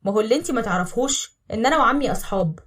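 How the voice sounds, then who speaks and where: Blunt teasing young Egyptian cousin, gruff and dry, husky distant voice, read by a woman. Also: on the high side, expressive, racing, a bit bright. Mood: wistful.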